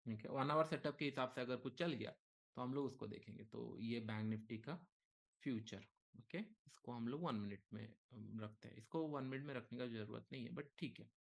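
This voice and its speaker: A man leading a live market lesson, talking casually and thinking aloud, with frequent okays and short pauses. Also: mid-range voice, gravelly. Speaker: trading instructor. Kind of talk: live market teaching session.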